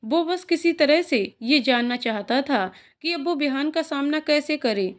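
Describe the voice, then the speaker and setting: A woman narrating a scripted emotional story in a calm, even storytelling manner. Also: high voice, measured pace.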